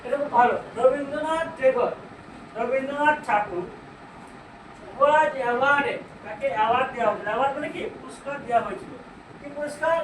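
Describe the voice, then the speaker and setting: A man with a Bengali accent teaching an English grammar lesson. He asks the class questions, answers them himself, and reads English sentences out slowly. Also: extremely high pitch, fairly bright tone. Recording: echoey room, far from mic, noisy.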